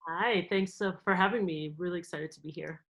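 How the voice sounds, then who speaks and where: A woman from Cameroon, a guest in an interview, telling stories in a lively, animated way and laughing often. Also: lowish voice, fairly quick, low-quality recording. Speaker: guest, theme park company executive. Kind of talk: conversational interview.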